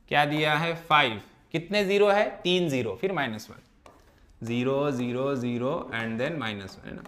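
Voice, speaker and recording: Explaining a math lesson in class, a man with a fairly high, fairly bright voice guides students step by step and frequently asks whether they're keeping up.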